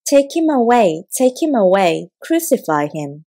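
A woman reading the shouted lines of an angry crowd of male leaders in an audiobook, in a low, mellow voice. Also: lively intonation, normal speed. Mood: insistent.

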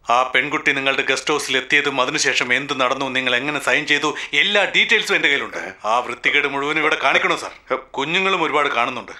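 A brash TV reporter, fast-talking, bright and sharp, sarcastic, pressing. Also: male voice, fairly high pitch. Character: brash male TV reporter confronting politicians. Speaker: TV news anchor questioning an official. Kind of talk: dubbed film acting.

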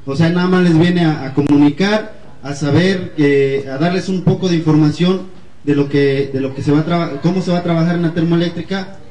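A man, a meeting organizer, explaining the session's purpose in a calming, repetitive way with many fillers. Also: on the high side, a little fast. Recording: distant mic, echoey room, faint noise.

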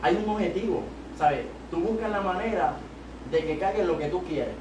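This young adult evangelist, from Puerto Rico with a matching Spanish accent, delivers an exhorting sermon to a youth service, building to loud emphatic bursts. His voice sits high and moves at a normal speed as he holds a handheld mic at the pulpit of a small sanctuary. A far camera picks him up in a noisy, echoing church room.

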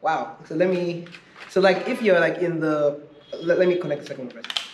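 Speaking a little quickly at a fairly high pitch, this man reviews a product in an unscripted unboxing video, keeping the talk informal and musing aloud as he goes. Noticeable background noise fills an echoey space.

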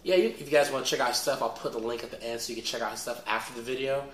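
A man hosting a casual movie news show, hoarse as his voice comes back, talking in a laid-back, slangy and enthusiastic way. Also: medium pitch, fairly even intonation, rapid-fire, a bit bright, a little hiss or hum. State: hoarse, recovering voice. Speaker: host. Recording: echoey room.

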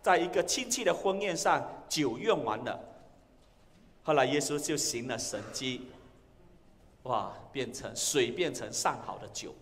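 A male pastor preaching a sermon, swinging between loud exclamations and hushed lines. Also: fairly high pitch, in a large hall. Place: church sanctuary.

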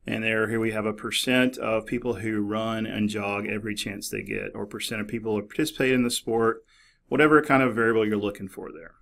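A middle-aged man narrating a screen-recorded tutorial in a relaxed, explanatory way, with many fillers and restarts. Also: fairly low pitch, fairly quick, gravelly. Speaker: librarian demonstrating a database. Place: office.

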